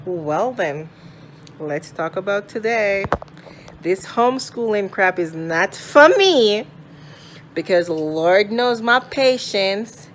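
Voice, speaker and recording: In the small room and hallway of a house, a vlogging mother in her thirties with a Jamaican accent holds her phone at arm's length and teases her family with sass and dry, scolding humor. Her medium-pitched voice is animated but slow, with a little hiss or hum in the recording.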